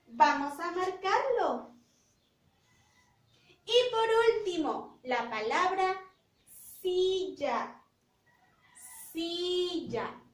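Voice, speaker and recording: A woman teacher giving a phonics lesson to young children, drawing out words slowly and praising in a sing-song way. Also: sits high. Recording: roomy echo, voice from a distance.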